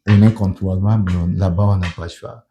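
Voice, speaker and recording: A man's voice: deep voice, steady tone, fairly quick, noisy background. A middle-aged man who speaks French as a second language, a union leader and pastor telling his story in an earnest documentary interview, with hesitant restarts and repeated words. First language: not French.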